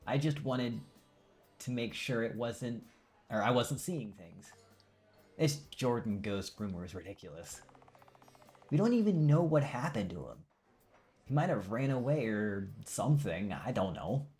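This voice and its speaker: A man's voice: medium pitch, very animated, a little slow, darkish tone. A man doing a weary, skeptical teen boy. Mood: dismissive. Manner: dismissive, weary. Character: tired skeptical teenage boy student.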